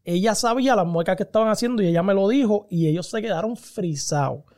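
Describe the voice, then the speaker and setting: A man with a Puerto Rican accent, chatting casually on a podcast and telling lively stories full of slang. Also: high-pitched, quick pace. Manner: animated storytelling with slang. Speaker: podcast host. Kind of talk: casual chat.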